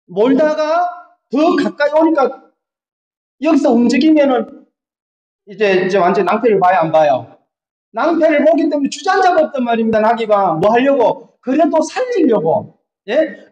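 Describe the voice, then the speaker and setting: A male pastor delivers a lively sermon, throwing questions out to his congregation. His voice sits high and swings widely in pitch. The recording is dull and lo-fi, with the echo of a large sanctuary. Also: normal speed. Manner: animated, asks the congregation questions. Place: church sanctuary. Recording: echoey church hall, dull lo-fi sound.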